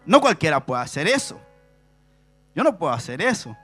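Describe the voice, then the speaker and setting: A man's voice: on the high side, big pitch swings, moderate pace, fairly bright tone, slightly rough, soft background music. A middle-aged man with a Chilean accent preaching a sermon, asking the congregation rhetorical questions and stressing key words. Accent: Chilean Spanish. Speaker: pastor. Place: church stage before a congregation.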